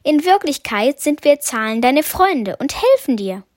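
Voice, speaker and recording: A woman's voice: sits high, very animated, unhurried, no echo, studio quality. A woman reading a children's story aloud, voicing a patient, wise talking number one who explains things.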